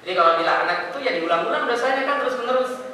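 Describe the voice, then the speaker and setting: A man preaching and answering questions in a mosque, talking in a conversational, animated way. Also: extremely high pitch, racing. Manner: conversational, animated, mixes in local words. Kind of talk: sermon with Q&A. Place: mosque hall. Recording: echoey hall from far off, faint noise.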